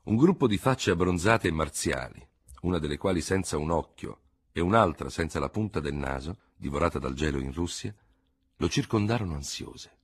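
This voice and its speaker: Man, audiobook narrator, literary reading, deep low voice, husky, measured and expressive.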